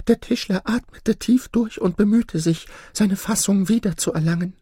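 A storyteller narrating a fable in a slow, expressive storybook manner. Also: mid-range voice, slightly rough, dry recording, clean studio sound.

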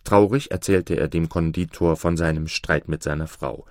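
Deep-voiced male fairy tale reader. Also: moderate pace, no echo, studio quality. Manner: expressive, varied intonation. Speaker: storyteller. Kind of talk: read-aloud fairy tale narration.

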